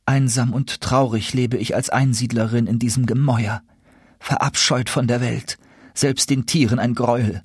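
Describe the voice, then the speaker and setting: A man voicing an enchanted princess turned into an owl, speaking in a plaintive, soft, husky voice. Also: mid-range voice, fairly even intonation, moderate pace, no room sound, studio quality, lightly acted. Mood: sorrowful.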